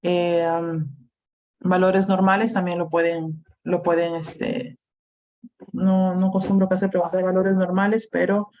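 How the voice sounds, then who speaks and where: This clinical lab lecturer's voice is on the low side, flat, a little slow and somewhat mellow, captured with lo-fi sound. She's teaching a university class by video call, laying things out plainly and checking on students with "¿no?", "¿sí?" and "este".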